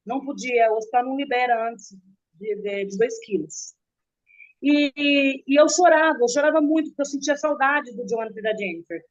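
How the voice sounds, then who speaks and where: A middle-aged woman telling a painful personal story in an interview, slow and earnest, often stopping and repeating words. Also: high voice. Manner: halting, with restarts and repeated words. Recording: dull, muffled recording.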